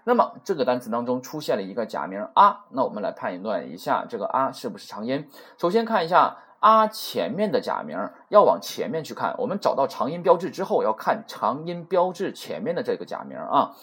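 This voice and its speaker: A man's voice: medium pitch, very animated, a little fast, few pauses, a bit bright, husky. A man teaching a beginner Japanese lesson in a chatty way, repeating points and checking that listeners follow. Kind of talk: casual recorded lesson.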